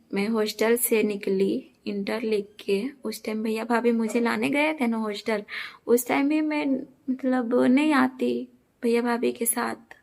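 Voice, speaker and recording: A young woman speaks straight to her viewers in a casual vlog. Her voice sits a bit high and gravelly, with a flat, even melody as she earnestly and defensively repeats her points. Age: young adult. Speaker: vlogger. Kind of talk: casual talk to camera.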